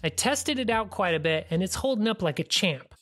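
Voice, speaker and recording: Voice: mid-range voice, expressive, brisk, music in the background. A DIY channel host giving a plain, practical, step-by-step tutorial voice-over.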